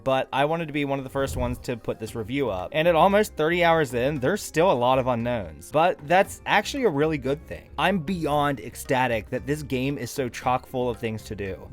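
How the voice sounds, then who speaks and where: A man with a campy drag queen delivery, narrating a video game review in a scripted but casual way. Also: mid-range voice. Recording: background music under the voice.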